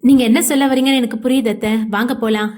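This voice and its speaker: A woman's voice: on the high side, steady tone, quick pace, a little mellow, lightly acted. A woman voicing a caring, determined young woman in an audio novel, speaking earnestly and reassuringly.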